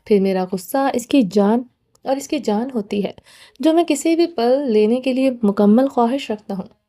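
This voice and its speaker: A woman's voice: fairly high pitch, lively intonation, mellow, lightly acted. A woman reading the part of a menacing, short-tempered young man in a storybook, in a cold, commanding way.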